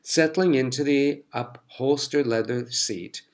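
A man narrating a story in a measured, scripted storytelling delivery. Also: medium pitch, vocal fry, darkish tone.

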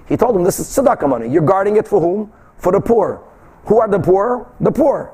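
A man's voice: high voice, lively intonation, a little fast, mellow, breathy edge. A man giving an explanatory religious lecture, translating line by line and emphatically answering his own rhetorical questions. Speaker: religious teacher giving a Talmud class.

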